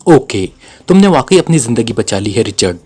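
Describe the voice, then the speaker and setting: A man's voice: mid-range voice, very animated, a little fast, a little mellow, breathy edge. Man reading as a cold, commanding agent. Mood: sharp. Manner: cold, serious delivery. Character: cold, commanding male secret agent hero.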